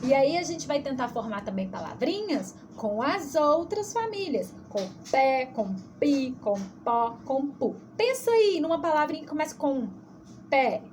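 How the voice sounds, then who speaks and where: A woman preschool teacher with a Brazilian Portuguese accent, giving a recorded video lesson for young children and sounding out syllables slowly and patiently in a sing-song way. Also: sits high, sing-song, darkish tone, a little hiss or hum.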